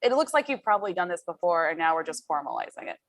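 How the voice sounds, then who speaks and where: Woman career coach hosting a group, encouraging and informal, bit low voice, no echo. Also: big pitch swings, fast talker.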